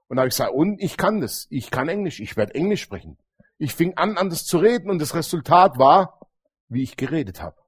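A man's voice: a little high, husky. A middle-aged man preaching a sermon, telling stories animatedly and calling out Amen to the congregation. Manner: animated, storytelling, frequent Amen calls to the congregation.

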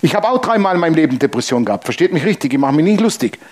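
A man's voice: fairly high pitch, sing-song, very fast, darkish tone. A male pastor preaching a sermon in a fervent, joking way, speaking straight to his listeners.

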